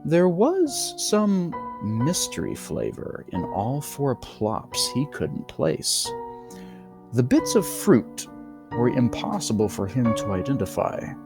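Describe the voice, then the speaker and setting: Slow, theatrical horror story narrator. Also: medium pitch, huge pitch swings, over music. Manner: theatrical, dramatic. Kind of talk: scripted creepypasta horror narration.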